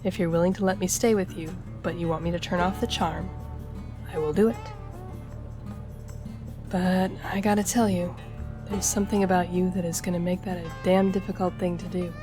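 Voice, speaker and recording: With music behind her, a woman voices a flirtatious, charming gambler and stowaway in an intimate roleplay, speaking teasingly and conversationally to the listener. Her voice is on the low side, steady, close to everyday speech, at normal speed.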